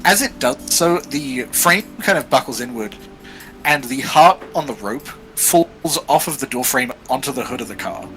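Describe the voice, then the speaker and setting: A man runs a tabletop role-playing game as game master, laying out each scene in a measured, descriptive way and pausing on fillers. His voice sits at an ordinary middle pitch, and clear music plays underneath. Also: expressive, a bit bright, poor audio.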